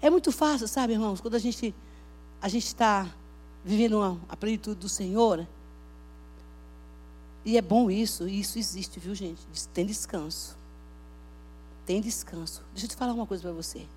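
A woman preaching a Pentecostal sermon at a church service, emphatic, swinging between loud outbursts and hushed talk. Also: medium pitch, fairly quick, pauses often.

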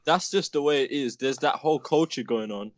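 A man's voice: medium pitch, a little fast, no room sound. A young man giving casual opinions as a podcast panelist.

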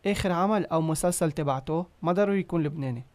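A man's voice: on the high side, rapid-fire, darkish tone, slight background noise. A man with a Lebanese Arabic accent asking casual questions as an interviewer.

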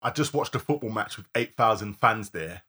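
Bright, slangy London man chatting. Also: lowish voice, lively intonation, moderate pace, breathy edge. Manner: slangy, rambling, searching for words. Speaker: podcast co-host. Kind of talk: casual chat.

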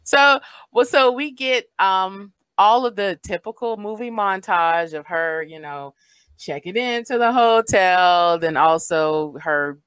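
Woman, casual podcast co-host, mid pitch, laughs easily, dry room. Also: takes it slowly, fairly bright tone, clean tone, dry recording. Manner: chatty, laughs often, many fillers. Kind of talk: casual movie discussion chat.

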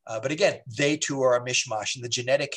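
A man with an ordinary mid-range voice, speaking as a rabbi on an interview show. He explains history in an easygoing, rambling way, restarting his sentences and filling pauses. He drifts into side stories before coming back to the point. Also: mid-range voice, a bit bright. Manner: digressive, with frequent fillers and restarts.

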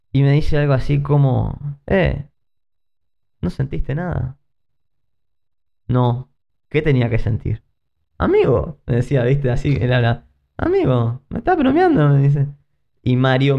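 A Uruguayan man telling lively anecdotes as a podcast guest, acting out other people's lines. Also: medium pitch, vocal fry. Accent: Uruguayan Spanish. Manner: animated anecdotes with acted-out quotes, frequent fillers. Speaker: guest, former gymnast. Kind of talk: casual interview storytelling. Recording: muffled lo-fi podcast audio.

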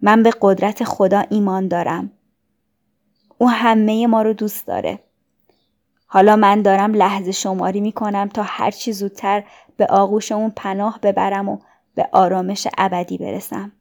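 A woman voicing a gentle young girl who is dying, speaking softly, mildly and calmly. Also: medium pitch, creaky, lightly acted. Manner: soft, mild and calm.

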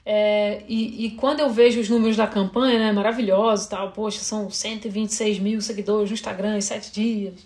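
A woman's voice: medium pitch, fairly even intonation, fairly quick, hardly any pauses, darkish tone. A woman speaking emphatically in casual conversation, using slang and repeating words when she gets going. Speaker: campaign organizer and podcast guest.

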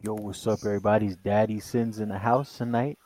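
A man's voice: lowish voice, fairly even intonation, fast talker, a little mellow. A man co-hosting a casual podcast who rambles with many fillers and restarts. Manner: rambling, hesitant, full of fillers. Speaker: podcast co-host.

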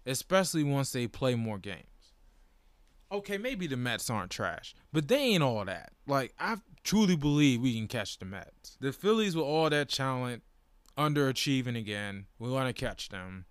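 A young man giving a casual, animated recap of his team's games as a passionate fan. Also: mid-range voice, normal speed, no room sound.

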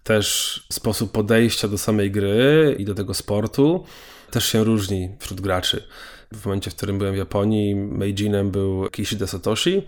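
A man being interviewed as a documentary maker, explaining things in a measured, detailed way. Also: on the low side, steady tone. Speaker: documentary filmmaker guest.

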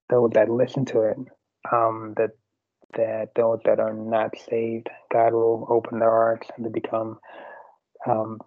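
A man with an Irish accent, a podcast guest speaking haltingly with many fillers in a casual theological discussion over an internet call. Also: lowish voice, dry recording. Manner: halting, frequent fillers and restarts. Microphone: video call. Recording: tinny internet call line.

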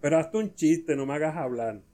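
A man's voice: fairly high pitch, lively intonation, a little fast, dark tone. A man co-hosting a podcast, telling jokes in casual chat and slipping in English words. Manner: playful, mixes in English words. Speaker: podcast co-host.

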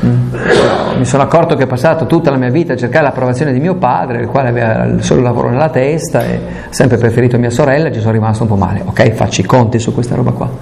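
A man preaching in a relaxed, talky way, his voice low in brightness and gravelly at the edges. He asks his listeners questions and slips into quoted lines as he explains. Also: quick pace, soft background music. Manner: conversational preaching with rhetorical questions and quoted asides. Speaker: priest. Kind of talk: sermon.

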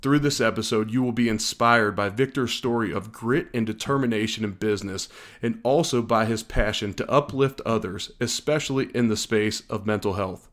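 Hosting an interview podcast, a man starts with a measured, scripted introduction of his guest before settling into easy, friendly banter. His voice is lowish and a bit bright.

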